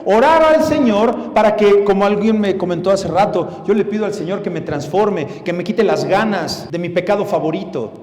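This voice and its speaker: Guy preaching a sermon, pretty high voice, pushes hard on his points, big echoey church hall. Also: moderate pace, few pauses, a little mellow. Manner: emphatic, addresses listeners directly with rhetorical questions.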